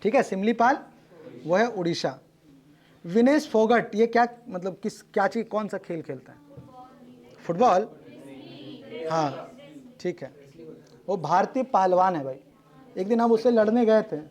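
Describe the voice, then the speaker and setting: A male teacher running a brisk classroom quiz, calling on students and repeating their answers back. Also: high voice, animated, darkish tone.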